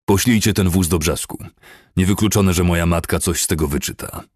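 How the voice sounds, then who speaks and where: A man's voice: low-pitched, brisk, a little mellow, husky, dry recording, studio quality. A man voicing a furious, cold and violent cavalry colonel who barks curt orders and erupts into roars. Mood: grim.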